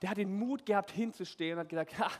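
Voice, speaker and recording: A man telling a Bible story to children in character, playful and animated, speaking straight to them. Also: sits high, fast talker. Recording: echoey hall.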